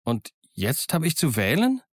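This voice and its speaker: A man voicing a defiant, excited young cabin boy in an audiobook, speaking in a fervent, declamatory way. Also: medium pitch, measured pace, husky, dry recording, exaggerated voice. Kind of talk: audiobook character voice. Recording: dry close studio sound.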